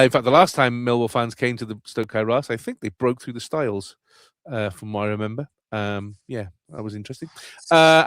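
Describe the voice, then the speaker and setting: Bloke hosting a fan football pod, easygoing and rambly, dry close sound. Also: male voice, mid-range voice, a bit bright, dry recording. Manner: chatty, rambling with fillers. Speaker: podcast host. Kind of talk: casual football chat.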